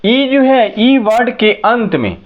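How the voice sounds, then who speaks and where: A male teacher talks in an unhurried, lively voice that rises and falls. He spells words letter by letter and keeps asking his students questions. The recording sounds a little dull and lo-fi. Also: extremely high pitch. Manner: spells letters out slowly and asks rhetorical questions. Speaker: English teacher. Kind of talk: classroom-style lesson.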